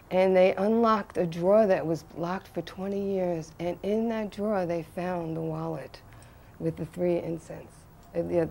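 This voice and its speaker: Older woman telling a heartfelt anecdote. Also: lowish voice. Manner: earnest, halting with restarts, then bursts of excitement. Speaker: devotee recalling a memory. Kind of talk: personal anecdote.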